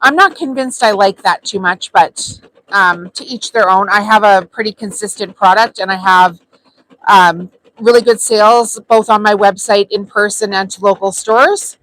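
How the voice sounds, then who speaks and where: A woman's voice: medium pitch, moderate pace, fairly bright tone, low-quality recording. A woman hosting a live sewing tutorial, talking casually and chattily with frequent ums as she works. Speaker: sewing channel host.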